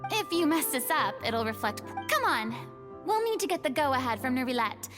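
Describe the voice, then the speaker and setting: An actress voicing a theatrical, proud young former deity in a video game, talking with dramatic, flustered bluster. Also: female voice, high voice, very animated, normal speed, music in the background.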